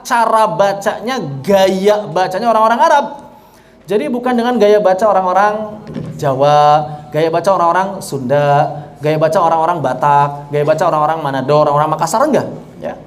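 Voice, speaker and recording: A man teaching an online tajwid lesson, explaining slowly and deliberately with repetition. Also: sits high, slight background noise. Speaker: Quran recitation teacher.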